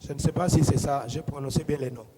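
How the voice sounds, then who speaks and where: A man preaching a sermon as pastor, swinging between loud emphatic cries and quiet murmured asides. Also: medium pitch, steady tone, fast talker. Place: church. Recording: long reverb of a large hall.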